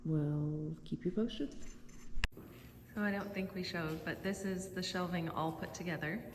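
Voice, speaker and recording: A woman's voice: on the low side, steady tone, measured pace. A woman casually narrating a vlog in an informal, chatty way, thinking aloud, her voice echoing around a big workshop. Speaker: vlog host. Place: large echoey metal or concrete workshop. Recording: very echoey workshop, loud background noise. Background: loud ambient noise.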